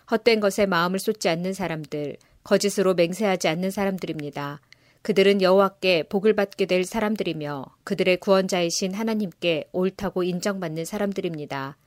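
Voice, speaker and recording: A woman giving a measured, solemn scripture reading. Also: on the low side, dry recording, studio quality. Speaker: scripture reader.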